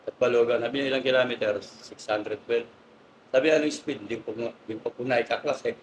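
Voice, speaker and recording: A man guest telling animated, laughing anecdotes in a casual interview, polite and respectful to his host. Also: medium pitch, fast talker, a little hiss or hum, low-quality recording. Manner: polite, says "po" and "sir". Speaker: guest pigeon racer.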